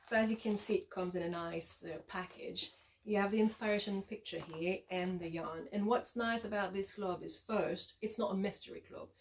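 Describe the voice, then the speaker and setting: A woman with a French Canadian accent, a yarn dyer giving a relaxed, chatty showcase of her shop's products with frequent ums and uhs. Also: medium pitch, moderate pace, a little hiss or hum. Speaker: yarn dyer and shop owner.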